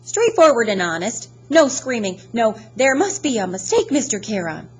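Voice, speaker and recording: A smug male ferryman of the dead, acted out by a woman in an audiobook tale. He speaks with a British accent in smooth, drawn-out, condescending phrases, elegant and menacing, over faint background noise. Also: a little high, very animated, pitched above the performer's own voice. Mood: dry amusement.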